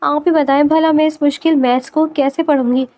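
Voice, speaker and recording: A woman's voice: high-pitched, fairly even intonation, mellow, natural voice. A woman voicing a stubborn, coy and innocent young wife who is also a student, speaking in a pouting, playful way. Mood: fretful.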